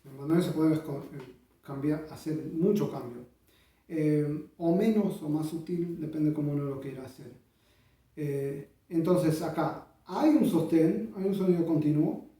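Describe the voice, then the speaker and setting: A man explains bandoneon technique in a very dark, mellow voice pitched a little high. He talks thoughtfully with frequent pauses and sings out rhythms. He is heard from a distance in a strongly echoing room, with a bandoneon playing behind him. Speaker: bandoneon teacher. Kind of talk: instructional explanation.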